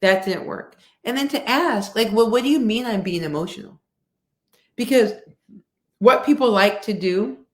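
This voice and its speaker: A woman guest speaker on a video call, answering in a steady, measured way with emphatic rhetorical asides. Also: medium pitch. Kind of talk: conversational interview answer. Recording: echoey room.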